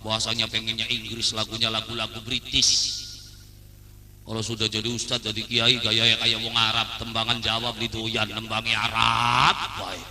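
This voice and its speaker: A man gives a humorous sermon and slips into voices for the people in his stories. His voice is bright and ringing. It comes over a PA system with a long, echoing reverb. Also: lowish voice, completely flat delivery, normal speed, slight background noise. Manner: acts out dialogues, sings folk songs. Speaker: preacher. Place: outdoor wedding reception stage.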